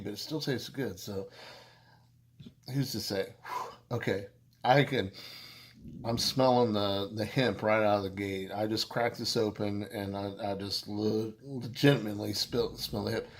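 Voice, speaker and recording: A man casually reviewing a beer on his video channel, rambling and halting with many restarts and fillers, and making self-deprecating jokes. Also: lowish voice, slight background noise.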